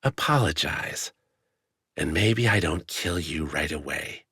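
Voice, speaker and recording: A man's voice: a bass voice, animated, slow, sharp tone, slightly rough, no echo, clean studio sound, heavily acted. A man playing a cold, menacing woman bandit leader in an audiobook, with clipped, threatening delivery.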